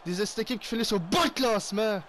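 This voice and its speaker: A young man with a Québécois accent giving excitable play-by-play commentary on his own hockey video game, mixing in English exclamations. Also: high-pitched, fast talker, a little hiss or hum. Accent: Québécois French. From Quebec. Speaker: gaming YouTuber.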